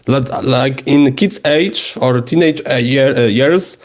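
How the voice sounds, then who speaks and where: A man whose first language is Polish hosts a podcast interview in English. He is hesitant, often searching for words and filling pauses as he builds his questions. His pitch is mid-range for a man. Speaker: podcast host.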